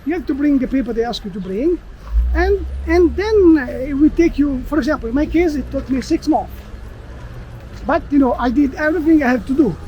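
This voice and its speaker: Halting Italian-accented man. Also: extremely high pitch, lively intonation, muffled recording, a little hiss or hum. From Italy. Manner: halting, searches for words, frequent restarts. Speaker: guest, expat blogger. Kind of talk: casual interview while walking. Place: outdoors in a city park.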